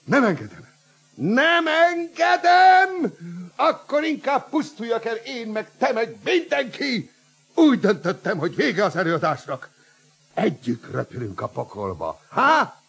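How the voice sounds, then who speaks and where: An actor playing a raving, megalomaniac older mad scientist in a radio play, with a husky voice, shrieking rants and mocking laughter. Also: male voice, high-pitched, very animated, fairly bright tone, full character voice. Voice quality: husky, gravelly.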